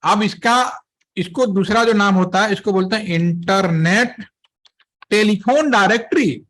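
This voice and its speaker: A man instructs trainees in a patient, step-by-step lecture. His voice sits a little high for a man, and he keeps pausing to check that everyone is following. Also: steady tone, a bit bright. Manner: explains step by step, checks in often with "theek hai".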